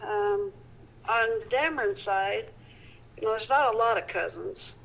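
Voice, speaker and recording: A woman's voice: mid-range voice, unhurried, creaky, fairly bright tone, poor audio. A woman in her fifties from Indiana, a city council candidate chatting over the phone in a rambling, self-correcting way. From Peru, Indiana. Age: 50s. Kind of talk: casual phone chat. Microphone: telephone.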